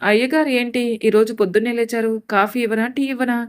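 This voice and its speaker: A deferential housemaid answers politely in a read-aloud story, voiced by a woman narrator. Her voice sits a little higher and brighter than the narration. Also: steady tone, quick pace, no echo, clean studio sound, lightly acted.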